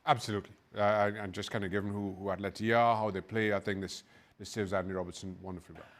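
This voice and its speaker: A man's voice: lowish voice, level tone, fast talker. Emphatic male ex-footballer pundit. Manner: emphatic, stressing his firm convictions. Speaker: former footballer turned pundit. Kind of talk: studio panel discussion.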